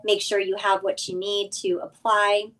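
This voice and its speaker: A female business coach, guest-sponsoring a remote live video stream, talks casually and unhurriedly, walking through details and encouraging her audience to act. Her mid-range voice is a bit bright with little pitch movement, heard through poor audio.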